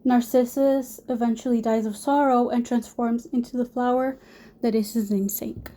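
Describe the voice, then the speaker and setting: Hoarse from a cold, a young woman student gives a class presentation in a mellow, fairly high voice with a steady tone at normal speed. She reads from prepared notes, restarting a word now and then.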